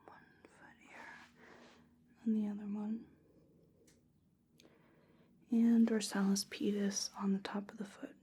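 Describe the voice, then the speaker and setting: A woman in a whispered ASMR role-play as a clinician, speaking in a breathy, unvoiced whisper with a soft, soothing, clinical delivery. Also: medium pitch, level tone, a little slow. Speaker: clinician giving a physical exam.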